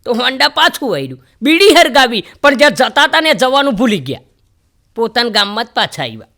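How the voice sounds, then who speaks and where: Bright-voiced male stand-up comedian. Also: extremely high pitch, a little fast. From Gujarat, India. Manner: animated storyteller who acts out each character's lines. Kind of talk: Gujarati stand-up joke telling. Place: stage in front of a live audience.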